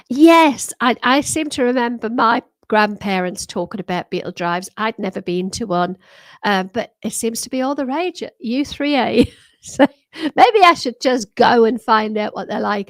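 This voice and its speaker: Speaking a little slowly in a mid-range voice, a British livestream host in her sixties, now retired, rambles casually with her viewers, often laughing, restarting and saying um. She seems to be slightly losing her voice, which sounds somewhat worn, and her desktop mic picks up no echo.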